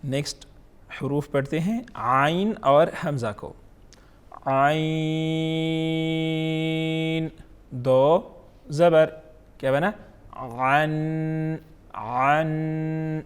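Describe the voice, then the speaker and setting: A fairly high-pitched man leads an online Quran recitation lesson. He lingers slowly over each letter sound and frequently pauses to check in with quick questions.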